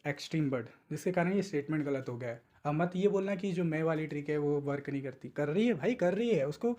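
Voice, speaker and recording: A young man teaching exam tricks in a casual, coaxing lesson, often slipping into English and reading statements aloud slowly. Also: fairly high pitch, lively intonation, a little mellow. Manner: chatty, coaxing, mixes English words and reads English statements slowly. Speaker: exam coaching tutor. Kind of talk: informal exam-tips lesson.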